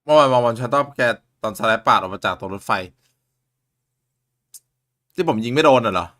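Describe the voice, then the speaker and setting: A man's voice: mid-range voice, lively intonation, a little fast, fairly bright tone. A man live-streaming a watch party, chatting casually with loose, crude, joking banter.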